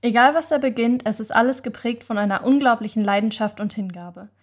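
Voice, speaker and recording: A woman's voice: a little high, fairly quick. Woman, event organizer; prepared, glowing introduction.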